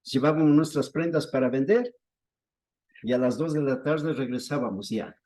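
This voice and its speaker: During a sermon for a small gathering, a man recounts stories with careful slowness, his voice swinging animatedly in pitch.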